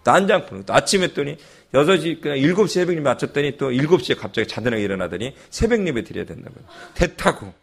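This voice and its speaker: A man preaching a sermon and telling a personal story in a lively way, with chuckling asides. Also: fairly high pitch, fast talker, creaky, few pauses, slightly rough. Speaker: pastor.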